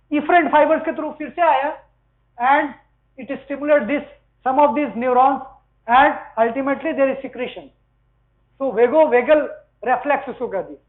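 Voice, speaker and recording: A man lecturing on physiology to students in a mix of Hindi and English with an Indian accent, explaining step by step and asking the class questions as he goes. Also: very high-pitched. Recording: tinny phone-like lecture recording.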